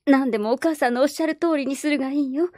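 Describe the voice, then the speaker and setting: A woman's voice: high voice, racing, dark tone, no room sound, studio quality, voice pushed up, close to an everyday voice. A woman voicing an effusive, motherly older woman who sings in the streets in a storybook reading. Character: warm chatty older woman, a street singer.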